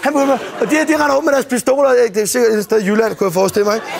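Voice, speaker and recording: A man doing stand-up storytelling on stage, animated and swearing freely as he acts out scenes with shouts and sound effects. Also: extremely high pitch, vocal fry. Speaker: stand-up comedian. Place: stage before a live audience. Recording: TV broadcast with audience noise. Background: audience laughter.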